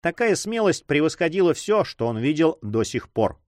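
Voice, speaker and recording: A man narrating an adventure novel as an audiobook, expressive and animated. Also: a little high, moderate pace, no echo, clean studio sound. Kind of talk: audiobook reading.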